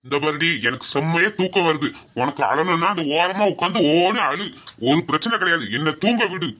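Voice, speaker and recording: A man's voice: fairly high pitch, a little fast, sharp tone. A man playing a sleepy, exasperated husband in a comic couple sketch. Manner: grumbling, exasperated. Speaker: sleepy husband in a comedy skit.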